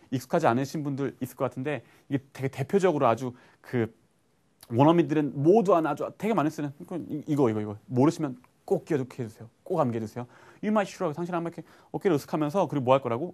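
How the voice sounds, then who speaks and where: Man teaching English, quizzing himself aloud. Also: mid-range voice. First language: Korean. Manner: lively explaining, asks and answers his own questions; reads English phrases slowly, then translates. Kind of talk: broadcast English lesson.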